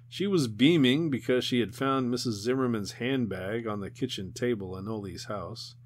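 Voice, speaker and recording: A man reading an audiobook aloud in a steady, measured storytelling manner. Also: medium pitch. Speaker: audiobook reader. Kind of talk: audiobook narration.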